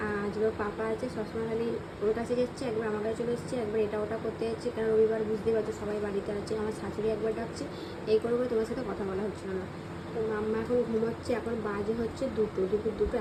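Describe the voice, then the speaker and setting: A woman with a West Bengal Bengali accent keeps her voice low while she chats to her vlog audience about her day. She talks quickly at a slightly high pitch, and street noise is plain in the recording. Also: level tone. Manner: speaks softly so the baby keeps sleeping. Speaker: vlogger. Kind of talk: hushed casual vlog talk.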